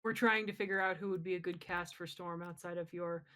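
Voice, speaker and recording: On a live-streamed podcast, a woman co-host chats casually and with strong opinions about pop culture. Her voice sits lowish and bright with a pushed quality, and she talks fairly quickly in a steady tone.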